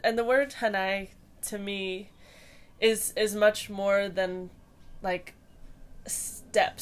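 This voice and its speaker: With a mid-range voice, a young Hawaiian woman guests on a podcast, giving hesitant, thoughtful answers broken up by frequent pauses and restarts.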